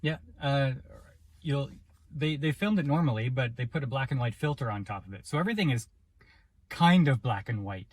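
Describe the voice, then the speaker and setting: A man's voice: mid-range voice, expressive, normal speed. A man co-hosting a casual movie review chat, telling the story in a loose, rambling way. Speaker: podcast co-host.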